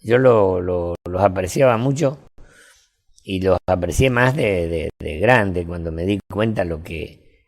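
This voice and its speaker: Gravelly older Argentine man storyteller. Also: low voice, slow. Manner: folksy anecdotal storytelling. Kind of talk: casual interview chat.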